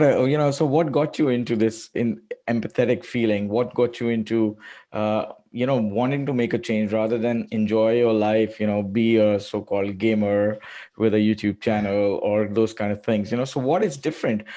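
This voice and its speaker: Man, middle-aged podcast host, low-pitched, dark mellow tone, enthusiastic, rambling, filler-heavy. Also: steady tone, normal speed. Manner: enthusiastic, rambling with many "you know"s. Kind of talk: casual interview chat.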